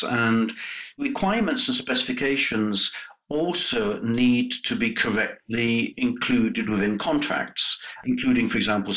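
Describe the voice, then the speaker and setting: A man speaking as an industry guest on a podcast, explaining in a measured way. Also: on the low side, fairly bright tone, dull audio. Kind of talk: podcast discussion.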